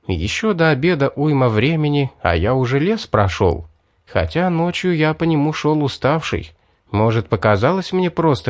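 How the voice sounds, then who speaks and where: A man narrating an audiobook in first person, telling the story in a lively, cheerful way. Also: mid-range voice, no room sound, studio quality.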